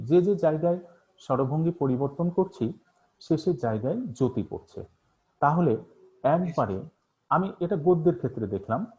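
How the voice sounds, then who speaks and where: Male teacher, online lecture, lively pitch, asks then answers himself, thin phone-like audio. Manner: asks questions and answers them himself, many fillers.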